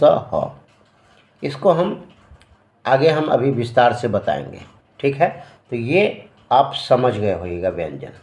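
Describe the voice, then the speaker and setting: A man teaching grammar at a board, speaking slowly and patiently and answering his own questions as he goes. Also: medium pitch, dark tone. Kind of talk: classroom-style lesson at a board. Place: room with a board. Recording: roomy, dull lo-fi sound.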